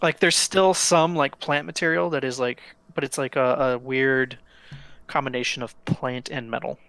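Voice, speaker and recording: A man's voice: medium pitch, fairly even intonation, moderate pace, vocal fry, a bit bright, no room sound. A man running a tabletop role-playing game, describing scenes hesitantly with many fillers. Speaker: game master.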